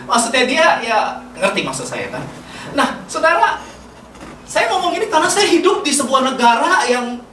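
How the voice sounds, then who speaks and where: A woman's voice: high voice, very animated, normal speed, fairly bright tone, slight background noise. A woman preacher from Indonesia with a Jakarta accent, giving a chatty sermon and laughing often. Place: church hall. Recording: echoey hall, far from mic, faint music.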